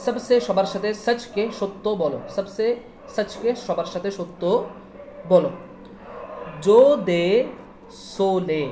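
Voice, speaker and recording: Woman Urdu teacher, patient letter-by-letter spelling, lowish dark voice, roomy recording with faint night street noise. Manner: slow, repetitive spelling out of words letter by letter. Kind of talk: spelling lesson for online class. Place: indoors at night, city street sounds outside.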